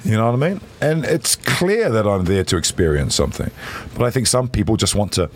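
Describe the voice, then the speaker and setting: On a podcast, a middle-aged male guest with a deep voice chats casually, swinging from high, animated bursts down to very low tones. He talks a little fast with a breathy edge.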